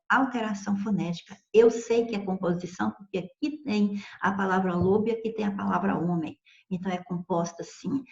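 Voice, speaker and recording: A woman's voice: medium pitch, warm tone, echoey room, highs cut off. A woman teaching grammar in a recorded video lesson, explaining patiently and checking in with "ok?" and "certo?".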